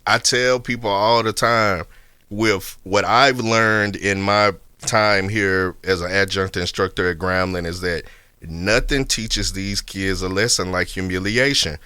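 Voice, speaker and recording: A man hosting a casual podcast interview, talking in a relaxed, conversational way with lots of "you know what I mean". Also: low-pitched, a little slow, smooth, dry recording. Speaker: podcast host.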